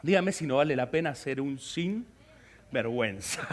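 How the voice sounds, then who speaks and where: A man preaching a sermon as pastor, animated and humorous, telling stories with sudden shifts in loudness. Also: mid-range voice, takes it slowly. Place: church sanctuary. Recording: reverberant church hall.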